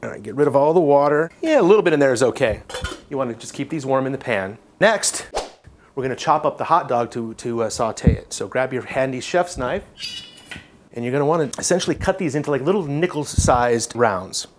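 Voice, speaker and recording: A man's voice: medium pitch, lively intonation, brisk, a little hiss or hum. A young man hosting a homemade cooking show, talking casually and joking as he walks through a recipe. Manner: laid-back, jokey, talks while cooking.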